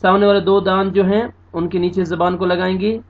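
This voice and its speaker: A man teaching Quran recitation rules. He spells out letters and vowel marks one by one, patiently corrects mistakes, and recites words in a drawn-out way. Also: sits high, level tone, phone-quality sound. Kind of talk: tajweed lesson.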